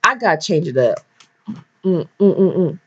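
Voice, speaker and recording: Reading fan fiction casually over a dull lo-fi mic, a woman with a lowish, expressive, breathy-edged voice keeps a moderate pace. She stumbles and breaks off for jokey, chatty asides.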